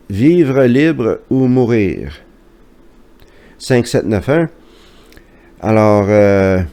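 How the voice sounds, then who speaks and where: A man's voice: mid-range voice, darkish tone. A man with a Québécois accent, chatting casually as he reads out viewer comments, with frequent hesitations. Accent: Québécois French. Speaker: YouTuber reading viewer comments.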